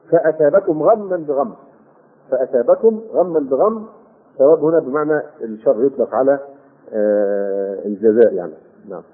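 An older man with an Egyptian Arabic accent giving a Quran commentary lesson, explaining with rhetorical questions and drawn-out fillers. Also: mid-range voice. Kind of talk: classroom tafsir lesson. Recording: phone-like husky lo-fi.

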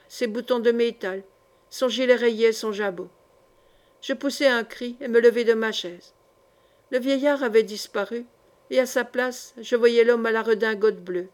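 Woman narrating an old story, measured and dramatic, kinda high voice. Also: darkish tone. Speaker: audiobook reader. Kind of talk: literary narration.

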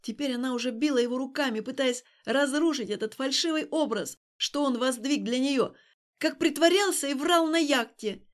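A woman's voice: high-pitched, normal speed. Woman narrating a dramatic audiobook. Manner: dramatic, emotionally charged reading. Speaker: audiobook reader.

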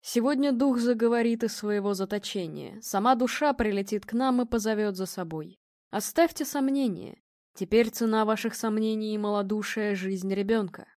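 A woman's voice: medium pitch, moderate pace, darkish tone, dry recording, close to an everyday voice. Lady doing a weighty bossy psychic guy from a storybook, dry close sound. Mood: commanding. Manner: confident, weighty, commanding. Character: confident imposing male medium and clairvoyant.

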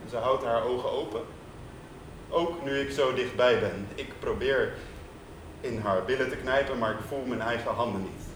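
A man performing a first-person prose monologue on stage, intense and rhythmic with dramatic pauses. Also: mid-range voice, background noise. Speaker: performer reading a literary monologue. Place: stage in a music venue. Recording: echoey live room from a distance.

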